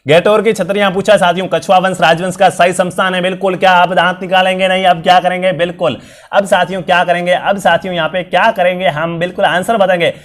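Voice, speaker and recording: A young online exam-prep teacher speaks quickly in a high, level, fairly bright voice. During his live quiz class he repeatedly and cheerfully tests students, peppering his speech with fillers, while his voice betrays strain and wear from illness and lengthy talking.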